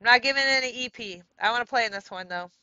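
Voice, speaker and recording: A woman's voice: on the high side, quick pace, pushed and bright, lo-fi sound, a little hiss or hum. A woman hosting a live game stream, chatting casually, laughing often and reading her viewers' messages aloud.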